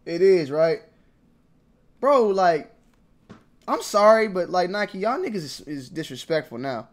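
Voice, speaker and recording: A young man vlogging about sneakers in slangy, repetitive casual talk that swings between mumbling and loud outbursts. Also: sits high, sing-song, unhurried. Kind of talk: casual ranting commentary.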